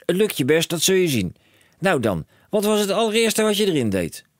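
A man doing a shrill, frantic storybook dad. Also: sing-song, moderate pace, no echo, studio quality. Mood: overexcited. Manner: shouting, breathless overexcited rants. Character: excitable bellowing middle-aged father, inventor-mad. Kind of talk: audiobook character voice.

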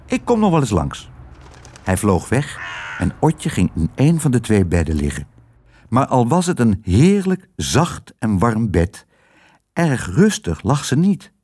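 A man's voice: mid-range voice, measured pace, breathy edge. A man narrating a children's audiobook, telling it expressively. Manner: expressive storytelling.

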